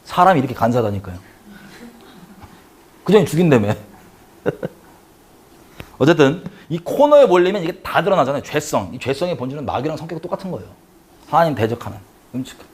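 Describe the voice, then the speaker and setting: A man from South Korea teaching a Bible study at a rapid clip. His voice sits a bit high for a man. He talks conversationally and keeps putting questions to his listeners. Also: very animated, breathy edge.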